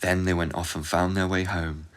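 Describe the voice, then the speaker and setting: A man reading a fairy tale aloud as a storyteller, in calm, measured narration. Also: low voice. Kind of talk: scripted narration.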